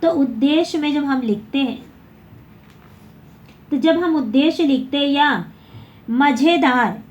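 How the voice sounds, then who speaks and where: A woman's voice: high voice, measured pace. A woman teaching a basic Hindi lesson, explaining step by step and often correcting herself.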